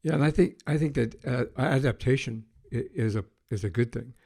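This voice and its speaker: A man hosting a podcast, reading a scripted intro and then chatting with a guest in a measured way, pausing with fillers. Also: medium pitch, vocal fry, mellow, breathy edge. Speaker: podcast host.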